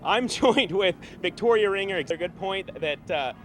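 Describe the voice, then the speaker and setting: A young male TV news reporter with a notably high voice for a man. He talks in a bright, chatty, enthusiastic way, with a faint hiss of noise behind him. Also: expressive, moderate pace. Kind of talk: live field reporting and news packages.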